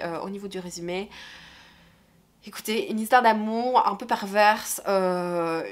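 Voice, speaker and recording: Stuffy-voiced woman chatting about books. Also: medium pitch. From Belgium. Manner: chatty, hesitant, many fillers and self-corrections. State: has a cold, stuffy voice. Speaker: book vlogger. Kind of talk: casual book haul vlog.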